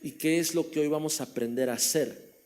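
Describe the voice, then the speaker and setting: A pastor with a Mexican Spanish accent preaches a sermon in a church hall, his voice slightly high and darkish at a moderate pace. He tells a story, repeats phrases, and poses questions to the congregation.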